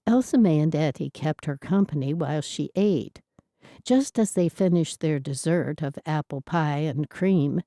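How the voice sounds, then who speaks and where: A woman narrating a cozy mystery audiobook in calm, even scripted narration. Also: sits low, no echo, clean studio sound.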